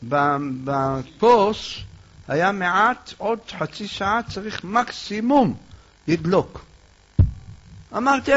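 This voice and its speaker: A man teaching a religious lesson as an animated storyteller, asking questions and speaking straight to his listeners. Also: high voice. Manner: animated storyteller who asks questions and addresses listeners directly. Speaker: rabbi teaching a Torah lesson. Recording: dull lo-fi recording.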